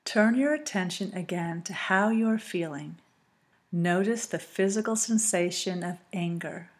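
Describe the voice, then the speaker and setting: A woman reading a calm, scripted guided relaxation, speaking slowly and soothingly with long pauses. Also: on the low side.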